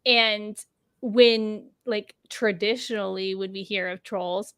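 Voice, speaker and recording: A woman hosting a book livestream, talking enthusiastically in a halting way with frequent restarts. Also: medium pitch, fairly even intonation, fairly bright tone, clean tone, no room sound, studio quality. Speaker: livestream host. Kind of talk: casual livestream interview chat.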